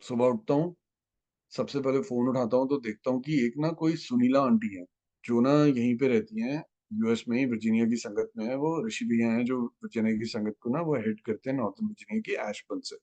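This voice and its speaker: A man's voice: mid-range voice, brisk, mellow, dull audio. Man giving a heartfelt devotional testimony. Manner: heartfelt storytelling, mixing in English phrases. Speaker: devotee sharing a testimony at a satsang.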